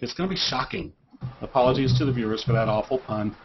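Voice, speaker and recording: A man's voice: medium pitch, quick pace. A man hosting a hobby electronics show, upbeat and jokey, introducing his presenters. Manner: upbeat, jokey host apologizing for puns. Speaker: host. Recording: dull lo-fi sound with faint noise.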